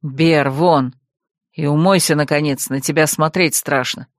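A woman's voice: deep voice, fairly even intonation, measured pace, dry recording, clean studio sound, pitched below the performer's own voice. A woman doing an exasperated scolding young man.

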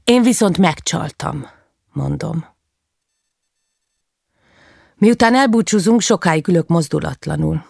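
A woman reading a first-person novel aloud as an audiobook, calm and measured, in short clipped sentences. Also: low voice, creaky, dry recording, clean studio sound. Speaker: audiobook reader.

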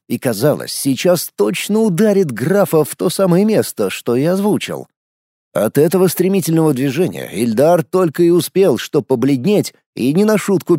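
Male narrator, audiobook, mellow, lively pitch, dry close recording. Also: no echo. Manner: lively storytelling with acted dialogue. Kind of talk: scripted narration.

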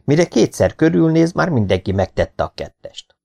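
Male memoir reader, wry storyteller, gravelly and expressive. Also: on the high side. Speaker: audiobook reader. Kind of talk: memoir audiobook narration.

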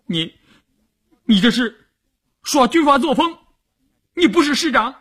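A man's voice: animated, measured pace, a bit bright, slightly rough, heavily acted. A man voicing an aggrieved young male soldier who pleads and sulks in a raised, whiny voice. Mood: indignant. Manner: pleading, whiny, high-pitched.

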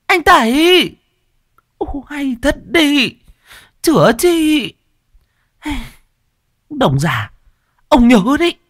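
A shrill, hot-tempered young wife, as a male narrator puts her on, scolding in a piercing falsetto. Her voice sits far above the teller's deep one, close and dry. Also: very animated, extremely slow, long pauses, fairly bright tone, no room sound, heavily acted. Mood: furious.

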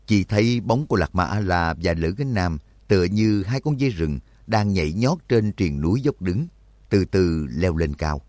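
A man narrating an adventure audiobook in an expressive storytelling voice. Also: deep voice, normal speed, dry recording. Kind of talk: scripted narration.

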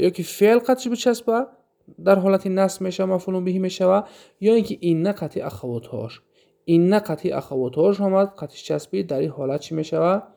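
A man's voice: a little high, creaky, dark tone. A man with a Tajik accent teaching an Arabic grammar lesson, explaining step by step, asking and answering his own questions, and drawing out the Arabic examples. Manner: drawn-out chanting of Arabic examples.

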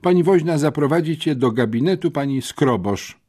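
A man's voice: fairly high pitch, lively intonation, normal speed, dark tone, pitched above the performer's own voice. A man voicing a stern, commanding female school headmistress.

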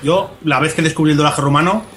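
A man's voice: on the high side, fast, over a noisy crowd. A man from Spain chatting on a film podcast, emphatic and opinionated, laughing easily. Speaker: podcast co-host. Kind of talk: casual film podcast chat.

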